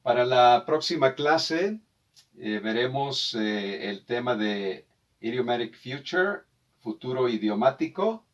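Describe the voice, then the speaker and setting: A man gives a beginner English lesson at a very slow, careful pace. He repeats each phrase for pronunciation and addresses the listener with polite formality. His voice sits at an ordinary pitch and comes from a little distance from the microphone. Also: expressive, highs cut off. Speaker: English teacher.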